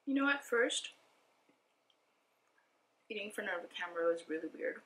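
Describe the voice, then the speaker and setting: A woman's voice: medium pitch, lively intonation, normal speed, fairly bright tone, rough recording. A young woman vlogging while she eats, chatty and self-mocking, laughing often. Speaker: vegan bodybuilder vlogger. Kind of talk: casual eat-with-me chat.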